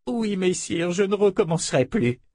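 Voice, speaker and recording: A man voicing a terrified, sobbing noblewoman who pleads in a high, trembling voice, in an audiobook. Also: animated, normal speed, a little mellow, no room sound. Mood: pleading. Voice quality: tearful, trembling, high falsetto. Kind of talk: audiobook character voice.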